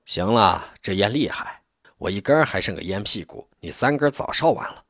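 A man voicing a calm, shrewd district chief who talks patiently. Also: fairly low pitch, a little fast, vocal fry, no room sound, studio quality, exaggerated voice.

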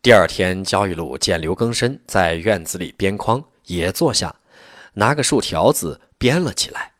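A man's voice: low voice, normal speed, no room sound, studio quality. A man narrating a story expressively and acting out all its people. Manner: expressive, acts out every figure.

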